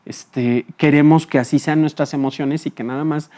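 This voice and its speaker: A man with a dark, mellow voice talks as a psychologist guest. He explains in a calm, patient way, pauses on filler words and checks that his listener follows him. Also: on the high side. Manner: frequent filler hesitations. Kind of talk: explanatory interview talk.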